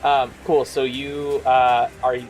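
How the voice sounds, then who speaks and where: A man's voice: medium pitch, flat delivery, slow pace, darkish tone, faint music behind. A man running a tabletop game as dungeon master, chatty and loose, with frequent fillers.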